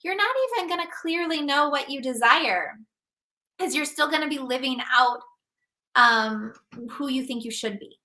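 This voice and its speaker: A woman's voice: high voice, moderate pace, pushed and bright. A woman hosting a casual podcast, chatty and upbeat with many fillers. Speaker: host.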